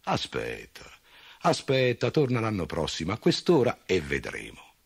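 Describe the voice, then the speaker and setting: Man doing a gruff, greedy old farmer. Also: low voice, wildly swooping pitch, unhurried, heavily acted. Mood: grumbling. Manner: gruff and grumbling.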